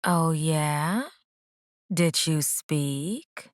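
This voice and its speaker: A woman's voice: lowish voice, expressive, normal speed, no echo, studio quality, close to an everyday voice. A woman voicing a nosy young female cousin in an audiobook, with playful, sly teasing.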